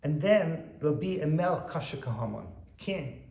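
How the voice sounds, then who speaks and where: A man giving an animated Torah lecture as a rabbi, quoting Hebrew texts and translating them. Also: on the high side, moderate pace, gravelly, reverberant, rough recording. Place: private home.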